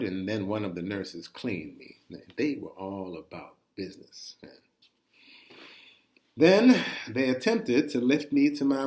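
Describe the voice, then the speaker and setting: Delivering a first-person chronicle aloud, a man with a mid-range voice plays the dramatic storyteller: conversational, expressive, and careful to put deliberate stress on his phrasing.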